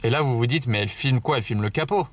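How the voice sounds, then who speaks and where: A man's voice: mid-range voice, fast talker. A man hosting a casual car-spotting vlog, chatting upbeat and directly to viewers from inside a car while demonstrating a gadget. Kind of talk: casual vlog with product demo.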